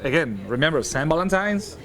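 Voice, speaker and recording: A man's voice: on the high side, animated, fairly quick, fairly bright tone. A man from Spain with a Spanish accent, hosting a ship's daily show as an upbeat, chatty cruise director. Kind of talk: unscripted show presenting.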